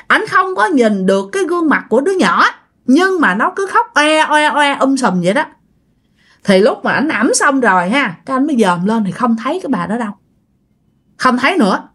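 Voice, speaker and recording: A woman's voice: high voice, fairly bright tone, husky. A woman telling a ghost story in a chatty way, speaking directly to her listeners. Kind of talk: casual ghost story narration.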